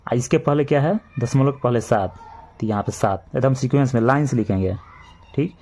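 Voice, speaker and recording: A man with a Bihari Hindi accent teaching a maths lesson to children, explaining each step slowly and repeating himself. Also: mid-range voice, mellow. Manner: slow, repetitive step-by-step explaining, addresses children.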